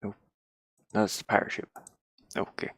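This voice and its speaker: Working on his game, a man mutters to himself in short fragments, offering casual think-aloud commentary on his screen as a hobby developer sharing a session. He speaks at normal speed with a fairly bright tone, and there's no room sound.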